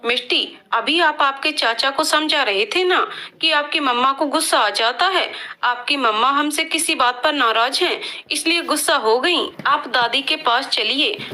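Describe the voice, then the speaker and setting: A stern, protective young husband from a storybook drama, as a woman reads him out. He speaks firmly with a bright, high edge. His tone turns blunt when he lays down the law. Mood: gentle. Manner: firm, angry outbursts with tender moments.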